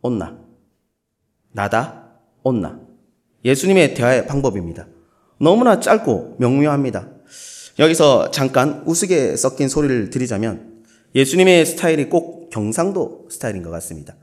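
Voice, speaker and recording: Gyeongsang pastor preaching, playful, voice all over the place, medium pitch. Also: male voice, normal speed. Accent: Gyeongsang Korean. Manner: playful, with lively acted quotes. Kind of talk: sermon.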